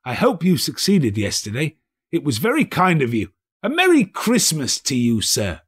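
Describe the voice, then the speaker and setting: A man's voice: fairly high pitch, wildly swooping pitch, breathy edge, voice pushed up, full character voice. A man voicing an elderly reformed miser for an audiobook, giddy and gushing with delight, drawing words out in exclamations. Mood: effusive, grateful. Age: older. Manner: exclamatory, drawn-out, gushing delivery. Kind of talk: dramatised audiobook character voice.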